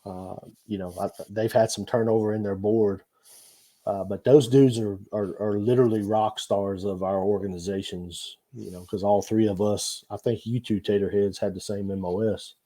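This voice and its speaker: A man's voice: on the low side, steady tone, normal speed, warm tone. A man, talking earnestly as a guest and telling stories about his nonprofit work. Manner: earnest storyteller, frequent restarts. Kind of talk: casual conversation.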